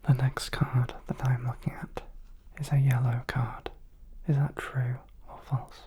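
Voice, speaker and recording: A woman whispers a soothing clinical role-play close to the microphone. Her whispered role-play is dark and soft, with very little rise and fall. She takes her time with each phrase. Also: very deep voice, flat delivery, unhurried. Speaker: ASMR host playing a clinician.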